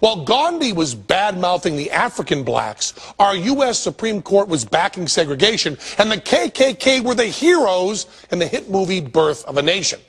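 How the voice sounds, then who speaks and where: A man's voice: high voice, big pitch swings, normal speed, hardly any pauses, a bit bright, slightly rough. An American man hosting a comedy documentary, narrating in a sarcastic, profane, mock-outraged way. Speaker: host.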